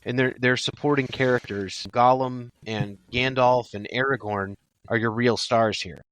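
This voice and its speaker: A man's voice: medium pitch, steady tone, moderate pace, a bit bright, clean tone, no room sound, low-quality recording. A man co-hosting a movie review podcast, joking in chat and reading a plot summary aloud. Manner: joking, reads summaries steadily. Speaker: podcast co-host.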